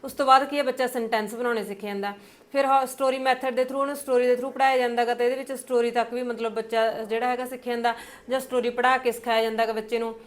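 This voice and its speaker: A young woman with a Punjabi accent, teaching an exam-prep lesson, explaining patiently with many fillers and reading English points slowly. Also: on the high side, flat delivery.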